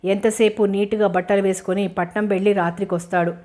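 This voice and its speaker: A woman's voice: medium pitch, flat delivery, brisk, dark tone, close to an everyday voice. A woman doing a sneering, scheming village man. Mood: resentful. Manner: gossiping, sneering. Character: scheming spiteful middle-aged village man.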